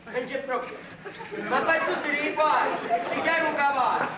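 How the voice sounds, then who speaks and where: A man acting a loud Sicilian country working man in a stage comedy, speaking Sicilian dialect. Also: extremely high pitch, moderate pace, over a noisy crowd. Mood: arguing. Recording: echoey hall, far mic, audience noise.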